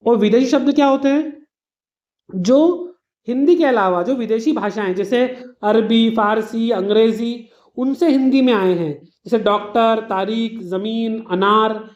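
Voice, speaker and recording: A woman teacher runs through an exam revision lesson, explaining each point patiently with simple everyday examples. Her voice sits fairly high but sounds mellow and soft. The recording is a little dull and lo-fi. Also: unhurried.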